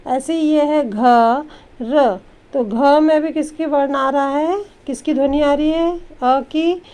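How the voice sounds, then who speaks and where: A woman's voice: high-pitched, darkish tone. Patient woman teaching small children. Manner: patient, explains step by step and sounds out letters slowly; mixes English words into Hindi. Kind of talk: Hindi grammar lesson for young children.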